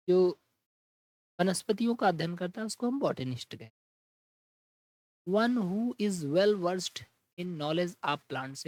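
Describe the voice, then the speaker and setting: A man teaching an English vocabulary lesson, explaining each word in Hindi and reading the English definitions slowly. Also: high-pitched, a little mellow, dry recording, poor audio. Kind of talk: exam-prep vocabulary lesson.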